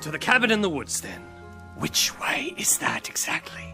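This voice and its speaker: Mad Hatter, wildly swinging pitch. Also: male voice, very animated, moderate pace, gravelly, whispered, music in the background, exaggerated voice. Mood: eager. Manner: theatrical, erratic swings between hush and exclamation. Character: eccentric madcap Hatter, whimsical, excitable lunatic. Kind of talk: video game cutscene acting.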